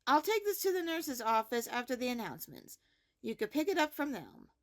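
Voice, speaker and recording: Playing a high school principal in a fantasy web series, a woman reads the morning announcements in a measured way straight to her students. Her voice is very high with lively swings in pitch, and she comes across as orderly, caring, and matter-of-fact.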